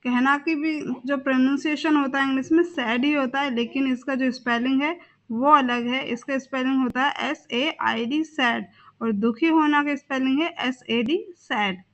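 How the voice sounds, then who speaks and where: In lo-fi audio, a young woman English teacher presents vocabulary in a high-pitched, steady voice at a moderate pace. She pronounces each word twice and spells words aloud one letter at a time.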